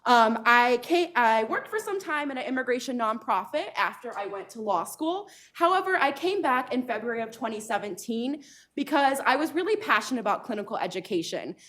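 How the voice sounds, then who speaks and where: A woman's voice: on the high side, expressive, a little fast, fairly bright tone. A woman law professor introducing herself at a panel event, speaking earnestly with frequent ums. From United States. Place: lecture hall event.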